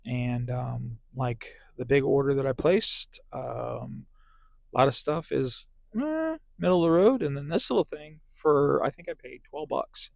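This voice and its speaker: A man with a gravelly, fry-laced voice talks casually from inside his parked car. He rambles along with plenty of ums and restarts. The sound is close and dry on a small clip-on mic. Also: mid-range voice, expressive, measured pace, no room sound. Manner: rambling, filler-heavy talk. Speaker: delivery driver vlogger. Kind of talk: casual vlog chat. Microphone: small clip-on phone microphone.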